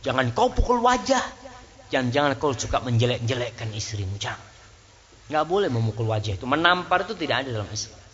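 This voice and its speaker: A man giving a conversational sermon as a preacher, his voice jumping high for emphasis. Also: sing-song, a little fast, a bit bright. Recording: slightly dull lo-fi sound.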